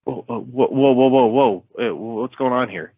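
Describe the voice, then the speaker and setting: Brief: a man doing a nervous, stammering attorney, deep voice, phone-thin sound. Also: lively intonation, brisk, gravelly, slightly rough, dry recording, heavily acted. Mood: panicked. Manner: flustered, stammering. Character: panicked male attorney, anxious and startled. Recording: tinny phone-like line, dry.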